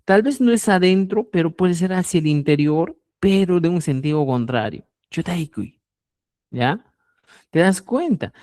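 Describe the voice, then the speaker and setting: A man's voice: high voice, expressive, unhurried, a little mellow, no room sound, studio quality. A man teaching a language class, explaining patiently and checking often that students follow. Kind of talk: online language lesson.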